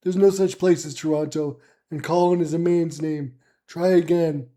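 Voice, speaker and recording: A stern armored guard, formal and short on patience, as a man puts him on. His voice is mellow and dark, sitting a touch high, and his words come slow and measured. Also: steady tone, close to an everyday voice. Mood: impatient. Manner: formal, impatient.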